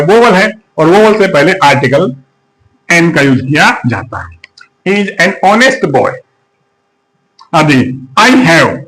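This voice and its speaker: A man's voice: sits high, fairly bright tone, low-quality recording. A man giving a classroom lecture, often asking the students rhetorical questions and answering them himself. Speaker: teacher.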